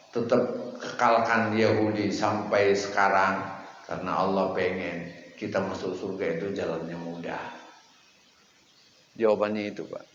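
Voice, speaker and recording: Guy preaching at dawn, lowish voice, lots of questions to the crowd, echoey mosque, muffled sound. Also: a little hiss or hum. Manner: animated, asks the audience questions and answers them himself. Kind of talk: dawn sermon to a congregation.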